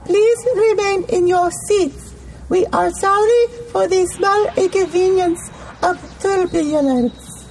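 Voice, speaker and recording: A man doing a shrill female android attendant with a crisp accent. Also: big pitch swings, slow, long pauses, slight background noise, exaggerated voice, low-quality recording. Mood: polite. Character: sultry female Latin android flight attendant.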